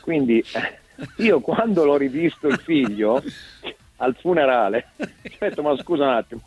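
A man with a middle-range voice chats casually as a talk show guest. He tells stories in an animated way, circling back to repeat his own phrases. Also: mid-range voice, moderate pace, breathy edge, rough recording. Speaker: former footballer as guest. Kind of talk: casual anecdotal chat.

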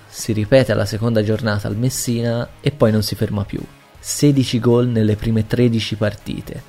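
A man narrating a scripted sports history podcast in measured, written-out sentences. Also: lowish voice, gravelly, a little mellow. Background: faint music.

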